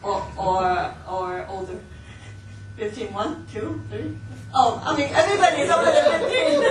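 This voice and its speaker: A woman from Hong Kong with a voice that sits high lectures a class as a missions training instructor, recorded from far off in an echoey room with faint noise. She's chatty, laughs often, and fills her talk with hesitations and restarts.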